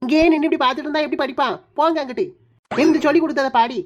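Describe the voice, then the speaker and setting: In a cartoon, a woman voices a bossy young wife who tutors a small boy in a Kanyakumari Tamil accent, scolding and threatening him before switching to coaxing. Her voice is high and steady, she talks very fast, and the acting is light. The audio sounds dull.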